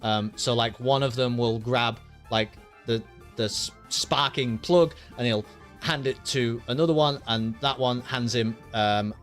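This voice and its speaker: A man's voice: mid-range voice, measured pace, a bit bright, faint music behind. A man narrating as game master of a tabletop game, rambling loosely with many ums and laughs.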